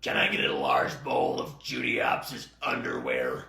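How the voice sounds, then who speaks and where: A man playing a creepy, lewd, leering cinema customer in a halting way for a comedy sketch. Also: a bass voice, sing-song, vocal fry, bright, forceful tone, exaggerated voice. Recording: roomy echo, faint crowd.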